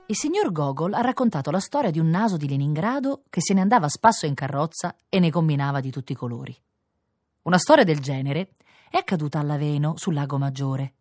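A woman reading a children's fairy tale for radio, with playful, expressive narration. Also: sits low, husky, no echo, studio quality. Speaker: reader.

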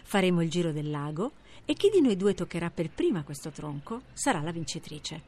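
Woman voicing a calm patient tortoise. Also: lowish voice. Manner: quiet, measured, unhurried. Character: calm patient female tortoise, slow and steady.

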